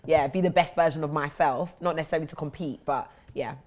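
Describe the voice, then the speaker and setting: A low-pitched woman speaks with a South London accent. She tells personal stories as a guest in an interview, slipping into quoted dialogue as she goes. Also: fairly even intonation, fast, darkish tone. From South London, England.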